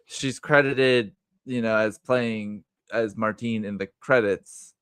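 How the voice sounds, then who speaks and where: A man's voice: fairly low pitch, fairly even intonation, takes it slowly, fairly bright tone, clean tone, dry recording. A man in casual podcast chat about a TV show, rambling with many restarts and acting out quotes. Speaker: podcast co-host.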